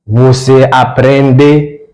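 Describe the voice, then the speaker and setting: Brazilian man teaching from a whiteboard, slow and repetitive, dark mellow tone. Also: medium pitch, level tone, rough recording. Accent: Brazilian Portuguese. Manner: slow, repetitive, checks in with "correto?". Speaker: language teacher. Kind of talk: whiteboard language lesson.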